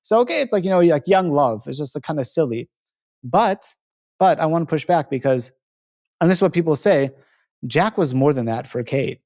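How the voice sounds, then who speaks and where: A man's voice: a little high, expressive, normal speed, darkish tone. A man hosting a podcast who talks casually and rambles a little, filling his speech with "like" and "you know" and correcting himself as he goes. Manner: chatty, lots of "like" and "you know", self-correcting. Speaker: podcast host.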